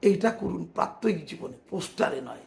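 Impassioned man with gravelly high voice. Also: animated, brisk, roomy sound. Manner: rhetorical refrains, rising to shouts. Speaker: speaker giving a statement. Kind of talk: impassioned public speech.

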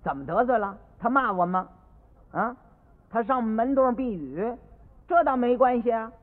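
A man voicing indignant, bossy household stewards who talk loud and fast, heard on an old radio recording with long reverb. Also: very high voice, animated, narrow, tinny audio.

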